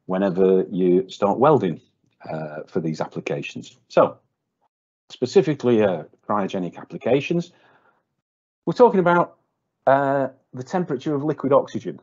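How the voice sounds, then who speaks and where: Husky hesitant man presenting a webinar. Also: fairly low pitch, darkish tone. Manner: hesitant, many fillers and repeated words. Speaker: webinar presenter for a welding company. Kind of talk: unscripted technical presentation. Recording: dull lo-fi webinar audio.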